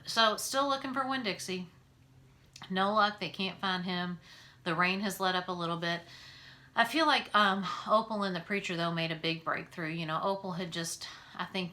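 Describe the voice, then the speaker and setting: A woman reading a children's novel aloud and then talking about it in a relaxed way, with fillers. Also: fairly low pitch.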